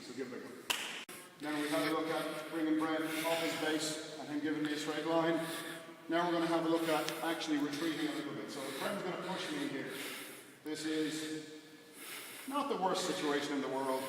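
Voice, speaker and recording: Male martial arts coach, casual explainer with clipped commands, recorded at a distance in a reverberant hall with clear background noise. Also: on the high side. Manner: short, clipped instructions. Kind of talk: hands-on class demonstration with casual explanation. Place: large echoey indoor training hall. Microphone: distant camera microphone.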